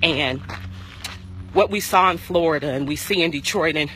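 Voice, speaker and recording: A woman's voice: sits low, moderate pace, pushed and bright. A middle-aged American woman preaching an impromptu devotional in emphatic, repeated short phrases while out walking for exercise. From Michigan, United States. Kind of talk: impromptu devotional sermon to camera. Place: outdoors on a grassy, tree-lined path. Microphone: phone at arm's length. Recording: noisy outdoor phone recording.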